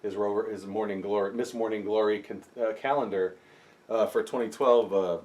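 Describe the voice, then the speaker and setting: A man co-hosting a casual vlog, chatting excitedly about flea market bargains. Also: on the low side, moderate pace. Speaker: co-host. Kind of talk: casual chat.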